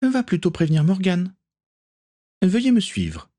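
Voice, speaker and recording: A man voicing a calm young Japanese woman aboard a pirate ship, brief and composed, in a storybook reading. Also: high-pitched, unhurried, voice pushed up, full character voice.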